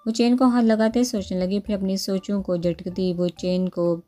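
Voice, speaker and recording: Mellow-voiced woman reading a novel aloud. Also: mid-range voice, moderate pace. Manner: steady, descriptive. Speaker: narrator. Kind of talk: novel read-aloud narration. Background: faint background music.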